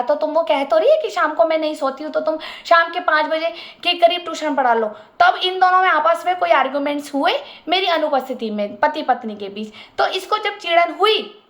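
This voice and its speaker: High-voiced woman telling a story. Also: a bit bright. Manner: emphatic, repeats herself, stacks up details. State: unwell. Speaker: vlogger telling a personal story. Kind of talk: casual storytelling monologue.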